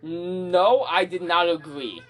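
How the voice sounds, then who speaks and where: A man's voice: high-pitched, takes it slowly, fairly bright tone, faint music behind. A young man co-hosting a podcast, bantering with friends in a joking, defensive way. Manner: defensive, joking, swears and laughs. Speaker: podcast co-host. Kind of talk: casual banter among friends.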